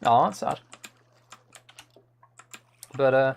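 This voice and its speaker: A man live-streams a game and chats casually, thinking aloud in a relaxed running commentary. His medium-pitched voice carries vocal fry, and he talks extremely slowly against slight background noise.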